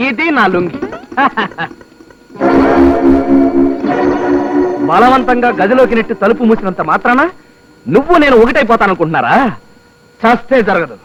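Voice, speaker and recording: A jumpy high-voiced newlywed. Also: male voice, music in the background, low-quality recording. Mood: indignant. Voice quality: excitable, quick and shouty. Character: flustered young husband, jumpy and loud. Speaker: newly married office clerk. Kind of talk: film comedy acting. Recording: film score behind.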